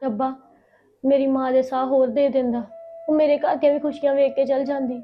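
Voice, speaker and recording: A woman's voice: high-pitched, little pitch movement, fairly quick, slight background noise, lightly acted. A woman playing a married daughter who grieves her mother, tearful and pleading in a family drama. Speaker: lead character Simrat. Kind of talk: Punjabi family drama acting. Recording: slightly dull recording.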